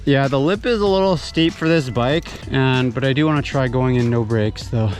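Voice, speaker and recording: A man's voice: medium pitch, moderate pace, over music. A man in a casual outdoor vlog, talking in a slangy, stoked frat-bro way. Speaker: mountain bike vlogger. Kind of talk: casual vlog talk while riding. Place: outdoors on a bike trail.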